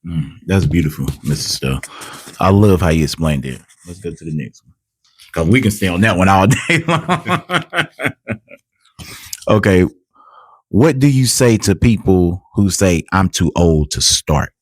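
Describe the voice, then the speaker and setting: A man's voice: sits low, expressive, a little slow, pauses often, no echo. A man who hosts the interview, encouraging his guest and adding motivational asides. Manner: encouraging, many affirming murmurs, motivational asides. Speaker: interview host. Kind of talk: casual interview hosting.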